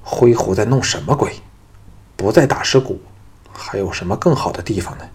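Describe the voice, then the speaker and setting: A suspicious male bandit chief barks his words gruffly, as a male narrator puts him on. His voice is low and rough with a strong rasp. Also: normal speed, a little mellow.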